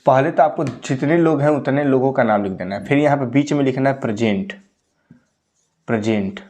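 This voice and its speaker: A man's voice: medium pitch, a little fast, a little mellow. A young man teaching a maths lesson, explaining exam problems step by step and checking in with his students again and again. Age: 20s. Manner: repeats points with frequent "ठीक है" check-ins.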